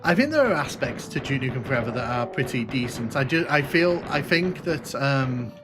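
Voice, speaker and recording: A gaming streamer from the north of England, with a slight Liverpool twang, chats casually with viewers over gameplay on his livestream. His mid-range voice has lively intonation, and he's informal and halting, repeating phrases, with music in the background.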